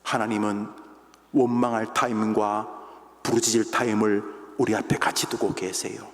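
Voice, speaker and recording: A middle-aged pastor preaching a Friday prayer sermon, dramatic, acting out voices and swinging from loud to hushed. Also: male voice, lowish voice, little pitch movement, normal speed. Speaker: senior pastor. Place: church sanctuary. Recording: church hall reverb.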